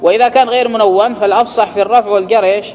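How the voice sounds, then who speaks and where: A man's voice: high-pitched, fairly even intonation, rapid-fire, darkish tone, a little hiss or hum. A man teaching a grammar class, reading a text aloud, explaining it and quizzing his students. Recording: dull recording with long hall reverb.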